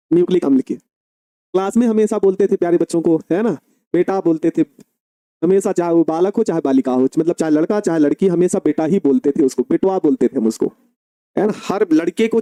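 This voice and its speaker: A man teaching an online chemistry class, fondly calling students dear children and slowly dictating notes with repeated phrases. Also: on the high side, dark tone, no room sound.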